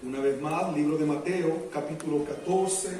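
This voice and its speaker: A man preaching as pastor, reading the Bible and praying with dramatic rises in loudness. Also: fairly high pitch, moderate pace. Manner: dramatic, rising and loud when reading the story. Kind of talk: sermon with Bible reading and prayer. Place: church hall. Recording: echoey hall, voice from far off, music behind.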